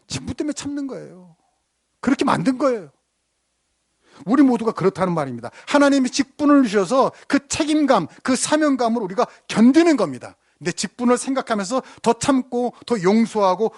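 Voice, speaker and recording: Male pastor, sermon, high voice, very lively swings in pitch, dry close sound. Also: no echo. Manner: lively storytelling with rhetorical questions to the congregation. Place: church sanctuary.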